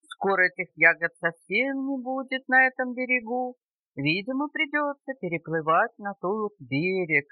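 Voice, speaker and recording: A woman's voice: mid-range voice, lively intonation, moderate pace, dry recording, natural voice. Woman voicing a kind polite male moose, mild, hesitant, storybook, dry cassette recording. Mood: wistful. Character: kind, well-mannered, gentle male moose. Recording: dull dry cassette tape.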